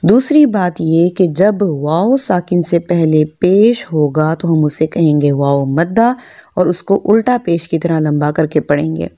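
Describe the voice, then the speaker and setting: Slow, mellow-voiced woman teaching recitation. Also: on the low side, no echo, clean studio sound. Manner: patient, drawn-out practice words, careful articulation. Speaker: Quran teacher. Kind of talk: slow step-by-step pronunciation lesson.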